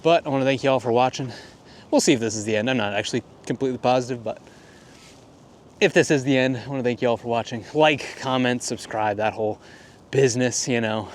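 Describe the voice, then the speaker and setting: Guy rambling easygoing while he walks in the cold, mid-pitched voice, loud wind noise on the mic. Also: fast. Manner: rambling, laid-back and self-deprecating. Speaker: landscape photographer vlogger. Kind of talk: casual walk-and-talk vlog. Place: outdoors on a cold, windy morning walk. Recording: wind buffeting the mic outdoors.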